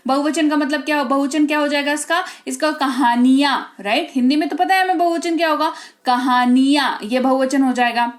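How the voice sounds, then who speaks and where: A woman's voice: high-pitched, steady tone, normal speed. A woman teaching English spelling and silent letters, explaining step by step and often checking in with her students. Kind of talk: Hindi-language English lesson.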